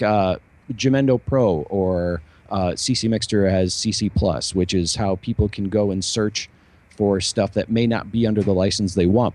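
Man, low voice, casual podcast chat, rambling, lots of fillers. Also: darkish tone. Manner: rambling, many fillers and restarts. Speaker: podcast host, musician.

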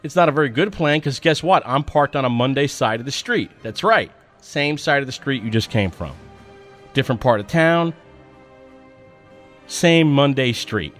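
A man telling a personal story as a monologue, in an animated, profane and self-mocking way. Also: mid-range voice, normal speed, faint music behind.

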